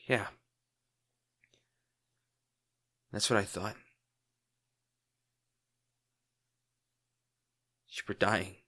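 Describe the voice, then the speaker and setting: A man in an intimate audio roleplay plays a crime-boss villain who is quietly realising something. His lowish voice is pushed and bright with fairly even intonation, and he speaks sardonically with dramatic pauses while secretly tender and worried.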